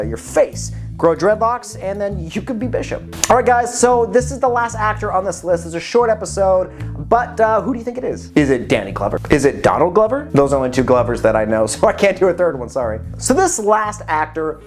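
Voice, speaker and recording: Male vlog host, animated and playful, with a bouncy pitch over faint background music. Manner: animated and joking, with asides to viewers. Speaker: YouTube host. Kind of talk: casual fan-casting commentary.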